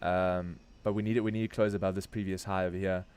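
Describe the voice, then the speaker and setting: A crypto trading livestream host from Durban, South Africa, talks in a deep, clear, resonant voice that's a little mellow, with little pitch movement and a quick pace. He gives casual live market commentary in a South African accent, thinking aloud in informal, slangy language.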